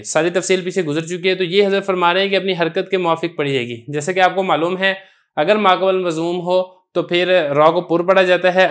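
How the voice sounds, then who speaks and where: A man teaching a recorded lesson on recitation rules, explaining patiently step by step and repeating each example slowly. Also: sits high, a bit bright.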